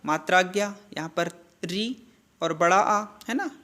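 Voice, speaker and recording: A woman's voice: on the low side, animated, a bit bright. A woman teaching a grammar lesson, asking questions and answering them herself, with frequent check-ins to her listeners. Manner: slow, deliberate spelling-out of sounds. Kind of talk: classroom-style grammar lesson.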